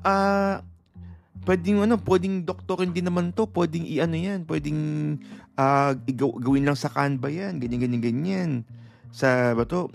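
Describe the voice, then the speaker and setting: A man's voice: fairly high pitch, fairly even intonation, fairly quick, vocal fry, soft background music, voice pushed up. Man doing a doubtful immigration officer. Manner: doubting, mocking questions.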